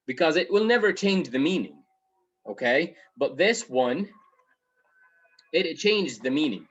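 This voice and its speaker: A man's voice: fairly high pitch, husky, lo-fi sound. A man from Egypt with an Egyptian accent, teaching an IELTS speaking class and checking in often with "okay". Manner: explains with repeated okay checks. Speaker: English teacher.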